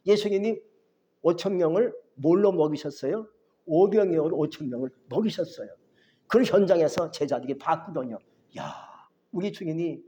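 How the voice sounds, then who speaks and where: A man preaching a sermon as a pastor, lively, often asking the congregation questions and acting out biblical voices. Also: a little high.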